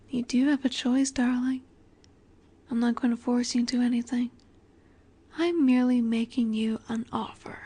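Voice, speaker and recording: An actress plays a seductive vampire heiress in intimate audio roleplay, her slightly high female voice soft and breathy. She's mellow and unhurried, teasing and softly possessive, and often whispers.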